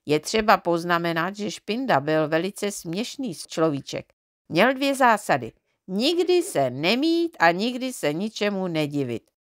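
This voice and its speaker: A woman reading a children's storybook aloud in an expressive, measured way. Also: fairly low pitch, dry recording, clean studio sound. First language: Czech. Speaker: audiobook reader.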